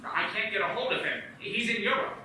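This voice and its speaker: A desperate young family man in a live radio play, halting and pleading. His voice is tense, bright and rather high, heard from a distance in a very echoey hall. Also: slight background noise.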